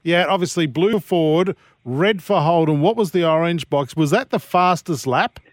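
A man's voice: a little high, moderate pace, dry recording, clean studio sound. A blokey Australian man bantering casually as a sports radio host, with a cheeky, matey manner. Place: radio studio.

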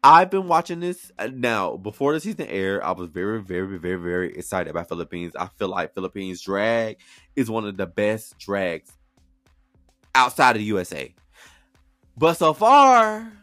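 A man's voice: lowish voice, lively intonation, normal speed, fairly bright tone, no echo, clean studio sound, soft background music. A man co-hosting a casual chat, talking in emphatic, slangy drag-scene phrases. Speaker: podcast co-host.

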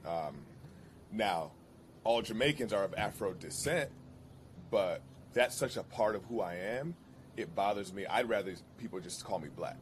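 Low-voiced man, thoughtful guest. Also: animated, moderate pace. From California, United States. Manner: thoughtful, restarts often while explaining. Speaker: podcast guest. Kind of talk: casual conversation. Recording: audible background noise.

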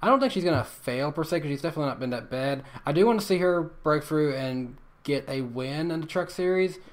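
A man's voice: on the high side, lively intonation, a little fast. A man hosting a casual live stream, reading viewer messages aloud and often stammering on repeated words. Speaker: podcast host reading super chats.

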